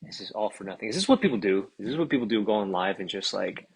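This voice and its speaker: A man's voice: lowish voice, animated, fast, creaky, breathy edge, low-quality recording. A man, an actor, chatting casually and rambling on a phone livestream while promoting his film. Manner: rambling, self-aware filler talk; upbeat and chatty with guest.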